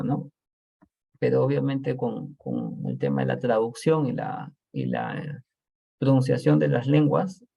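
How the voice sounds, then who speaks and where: A man teaches a Bible class over a video call. His voice is gravelly and husky, and it rises and falls in a lively way. He explains step by step and keeps checking that his listeners follow. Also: medium pitch, highs cut off.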